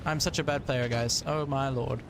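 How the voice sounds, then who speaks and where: A young South African man casually commentates a live stream of his tank game, greeting viewers in chat and thinking aloud with plenty of ums and restarts. His mid-range voice has fairly even intonation, a moderate pace, and vocal fry, over a noisy background.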